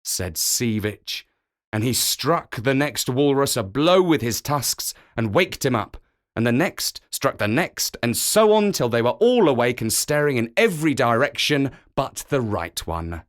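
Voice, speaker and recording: Male storybook narrator: gentle, expressive, unhurried. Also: mid-range voice.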